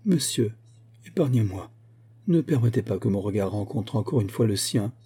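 A man's voice: on the low side, animated, moderate pace, dark tone, slightly rough. A man voicing a remorseful young noblewoman who pleads earnestly with her husband in an audiobook reading. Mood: pleading.

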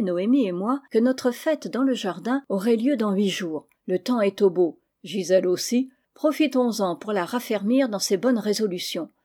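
A woman reading a gentle, wise uncle. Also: mid-range voice, close to an everyday voice. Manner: calm, reassuring, gently firm. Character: kind, wise middle-aged uncle, a steady comforter. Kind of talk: audiobook reading of a classic novel.

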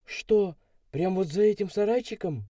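A man voicing a young blonde city girl who takes everything literally, in a high girlish voice for an audiobook. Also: big pitch swings, unhurried, dark tone, dry recording, studio quality. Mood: pouty. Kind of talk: audiobook reading.

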